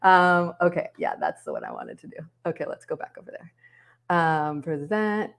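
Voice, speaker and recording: A woman's voice: sits low, huge pitch swings, normal speed, vocal fry. A woman hosting a live online workshop from home, chatting upbeat with viewers in the comments over a webcam. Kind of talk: casual livestream hosting. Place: home, yard work heard outside.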